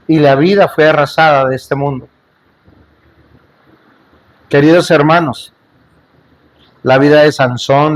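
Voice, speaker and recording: The audio is dull as a fairly high-voiced man delivers a church sermon. He presses his points emphatically through repetition and rhetorical questions put to the congregation, slipping in little jokes and asides along the way.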